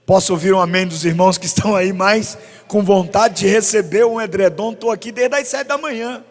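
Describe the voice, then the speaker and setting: A pastor preaching a sermon in church on a body-worn microphone, animated and joking with the congregation. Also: male voice, high-pitched, fairly quick. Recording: long church reverb.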